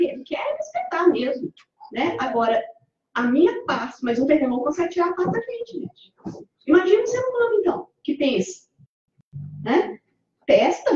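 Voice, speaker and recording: Delivering a Spiritist lecture to a congregation in a community hall, this Brazilian woman sounds high-pitched yet dark and mellow. She's chatty, quizzes the room and acts out quoted speech, while the distant mic and echoing space make the recording dull and lo-fi.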